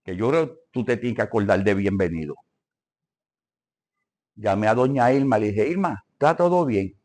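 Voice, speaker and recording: A man's voice: lowish voice, moderate pace, a little mellow. An older man teaching a church Bible lesson, asking the congregation questions and calling for amens.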